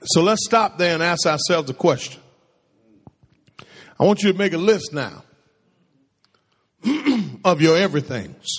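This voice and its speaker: This husky-voiced man, who calls himself a baritone, is a pastor preaching a call-and-response sermon at a slow, animated pace. Inside the church sanctuary, long hall reverb follows his preachy questions to the congregation, which he then answers.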